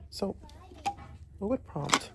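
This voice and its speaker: A man's voice: takes it slowly, heavy background noise. A young man chewing gum and joking to viewers in a casual vlog, filmed on a handheld phone inside stores. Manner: playful, joking asides to viewers; chewing gum while talking. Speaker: vlogger.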